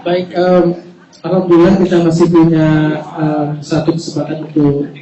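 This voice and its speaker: A man moderating a question session, hesitant and pausing with fillers. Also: on the high side, level tone, muffled recording, crowd noise. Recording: echoey hall with audience.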